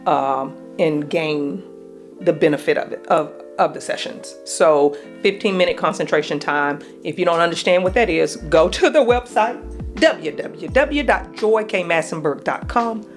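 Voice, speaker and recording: Encouraging low-voiced woman coach. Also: a little slow, soft background music. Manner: upbeat, exhorting listeners. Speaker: coach and podcast host. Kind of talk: casual encouraging chat.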